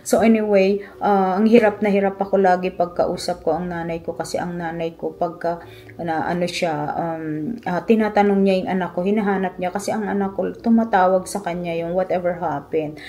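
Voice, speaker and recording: A woman's voice: on the low side, steady tone, moderate pace, warm tone. A middle-aged woman with a Filipino accent, telling a personal story in a vlog, emotional and reflective, switching between Tagalog and English. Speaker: vlogger.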